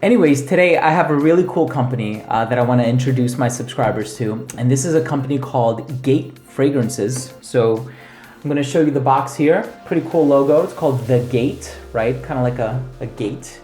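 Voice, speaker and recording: A male host gives a casual, laid-back product review at a medium pitch. His voice bounces around an echoey room, with music playing underneath. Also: fairly quick, a little mellow. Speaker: fragrance reviewer and channel host. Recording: roomy echo with music underneath.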